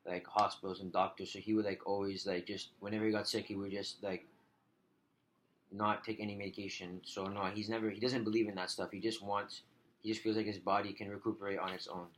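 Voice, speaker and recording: A man with a fairly low voice answers as the client in a role-played phone counselling call. His speech is halting and hesitant, broken up by frequent filler words. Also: level tone, a bit bright. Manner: halting, hesitant, heavy use of filler 'like'.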